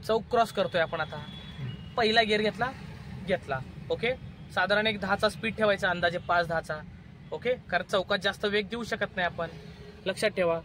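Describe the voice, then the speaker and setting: Guy teaching driving in city traffic, highish voice, bossy step by step, bit of road noise. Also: pushed and bright. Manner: instructive, repeats steps, brisk commands. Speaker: driving instructor. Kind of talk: in-car driving lesson vlog. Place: inside a car in city traffic.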